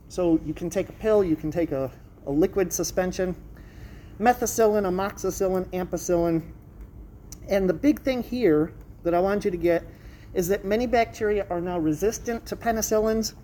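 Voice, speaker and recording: Woman, lecturer, lowish mellow voice muffled by a face mask, explanatory, questioning, classroom recording with some noise. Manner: explanatory, checks understanding with questions. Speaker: college lecturer. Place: classroom in front of students. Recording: noisy live classroom recording.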